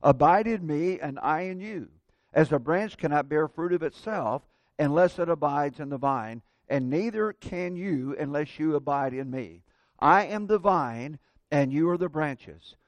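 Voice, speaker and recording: A man preaching a sermon at a pulpit microphone, earnest and measured, slowing down to stress key words. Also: on the high side, lively intonation, no room sound, lo-fi sound.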